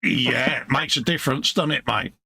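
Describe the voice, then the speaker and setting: A man's voice: medium pitch, moderate pace, creaky, pushed and bright, slightly rough. A man with a British accent co-hosting a casual model-building live stream from his workbench, bantering, chuckling and calling his friend mate. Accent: British English. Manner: banter-filled, calls people mate, chuckles often. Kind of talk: casual chat. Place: home workbench.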